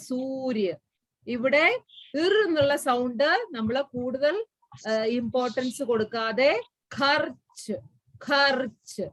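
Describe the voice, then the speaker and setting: A woman with a Malayali accent teaching a school Hindi lesson online, repeating words slowly and sounding out each syllable. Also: fairly high pitch, dry recording, low-quality recording. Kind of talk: online class explanation.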